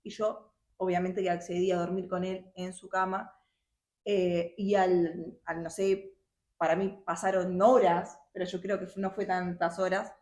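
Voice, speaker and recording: A young woman telling her personal testimony in a halting, emotional way with many restarts. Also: fairly low pitch, flat delivery, a little mellow. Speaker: guest sharing her testimony. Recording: roomy echo.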